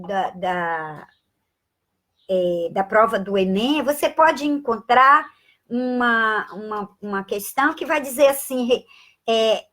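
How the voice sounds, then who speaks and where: A Brazilian woman teaching a live-streamed Portuguese lesson, spelling sounds out slowly and greeting viewers by name with affectionate asides. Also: on the high side, a bit bright. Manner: slow, drawn-out spelling of sounds and letters.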